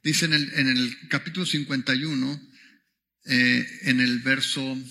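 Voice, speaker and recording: A man's voice: medium pitch, steady tone, unhurried, creaky, sharp tone. A man preaching a sermon in a church, talking conversationally and asking the congregation rhetorical questions. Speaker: pastor.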